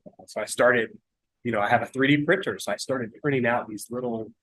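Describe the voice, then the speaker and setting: A young man from North Carolina, a mixed-media artist, gives a casual demo in his home art studio, his mid-range voice nasal from a cold and fairly quick. He chats loosely and relaxedly, full of fillers and restarts. Recorded indoors over earbuds, the audio is dry and rough.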